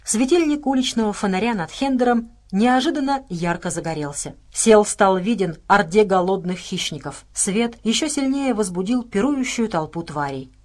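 Woman narrating an audiobook. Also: medium pitch. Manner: steady, measured reading with dramatic stresses. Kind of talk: scripted narration.

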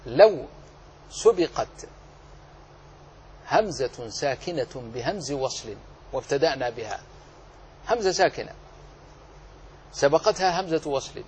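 A man teaching the rules of Quran recitation, explaining slowly, drawing out example words and asking and answering his own questions. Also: mid-range voice, lively intonation, darkish tone, a little hiss or hum. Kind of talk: tajweed lesson.

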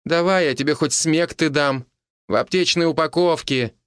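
A bossy village healer woman with a voice pushed well up into a lighter, higher register, as a male reader puts her on. She scolds, fusses and exclaims with quick energy. The recording is dry and close. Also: clear, resonant tone, no echo, lightly acted. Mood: scolding. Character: brisk village herbalist woman, sharp-tongued.

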